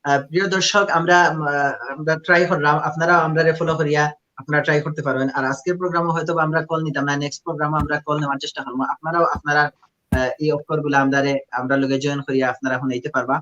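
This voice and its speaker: Over a video call, a Sylheti-accented man leads a live online Quran recitation class, drilling sounds with patience and slipping into English. His voice is on the high side and sharp, delivered flat and very fast. The audio comes through dull and lo-fi.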